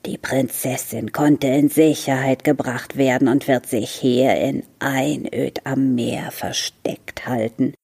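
Woman putting on a hoarse grumpy pet turtle. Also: a bass voice, fairly even intonation, takes it slowly, hardly any pauses, warm tone, exaggerated voice. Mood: grumpy impatient. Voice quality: hoarse, hissing. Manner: impatient, sarcastic.

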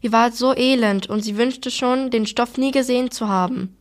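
A woman reading a children's novel aloud in steady storytelling. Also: a little high, normal speed.

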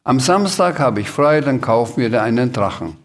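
A patient, reasonable father in a storybook, as a man reading aloud plays him. He sounds calm and steady and sets rules without any fuss. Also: medium pitch, normal speed, close to an everyday voice. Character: patient middle-aged man, a father figure.

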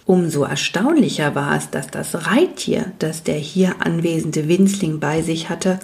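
A woman reading a fantasy storybook aloud as narrator, in a calm, even storytelling manner. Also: low-pitched, measured pace, creaky. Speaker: audiobook narrator.

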